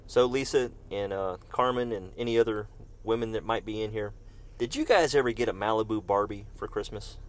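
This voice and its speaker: A man's voice: lowish voice, brisk. Chatty man streaming a golf game. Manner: chatty, answers chat viewers by name. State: coughing fits. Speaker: gaming streamer. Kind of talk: casual live-stream commentary.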